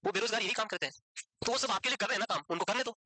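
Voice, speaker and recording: A young male tutor talks very quickly in a sharp, forceful voice, pitched a little high. He coaches nursing exam takers in a chatty, reassuring way, slipping into stories and imitations of worried students. The sound is close and dry. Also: no room sound, rough recording. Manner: chatty, reassuring, tells anecdotes and mimics students. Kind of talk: casual Hindi lecture.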